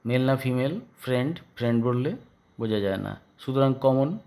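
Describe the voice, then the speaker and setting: A male schoolteacher with a Bengali accent explaining grammar to a class, halting and repeating words for his pupils. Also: medium pitch, animated, warm tone. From West Bengal, India. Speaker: school English teacher.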